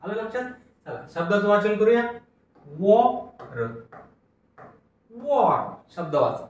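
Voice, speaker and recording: A man teaches English phonics, sounding out words and repeating them. His voice is fairly high and rings in a strongly echoing room, picked up from some distance off a far mic. He asks questions and answers them himself. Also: very animated, normal speed. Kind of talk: phonics lesson with call-and-repeat drills.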